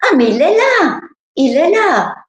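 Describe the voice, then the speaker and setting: A woman's voice: very high-pitched, very animated, a little slow, reverberant, voice pushed up, exaggerated voice. A woman voicing a frightened little girl with a childlike voice as she retells a memory. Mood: delighted.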